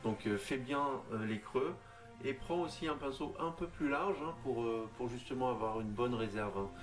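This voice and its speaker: A man talking through a miniature painting tutorial in a casual, halting way, full of fillers and restarts. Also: mid-range voice, faint music behind. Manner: hesitant, lots of fillers and restarts, addresses viewer informally.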